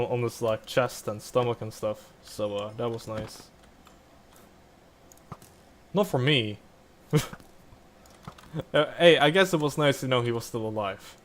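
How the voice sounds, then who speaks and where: A man's voice: mid-range voice, a little hiss or hum. A young man casually rambling over gameplay, full of likes and restarts. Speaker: gaming vlogger.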